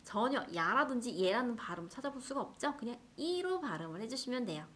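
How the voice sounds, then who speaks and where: A woman with a Russian accent teaching a language lesson, explaining patiently and slowing down to sound out example words. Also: fairly high pitch, very animated, a bit bright. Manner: clear, patient explaining with slow drawn-out examples. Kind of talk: scripted lesson.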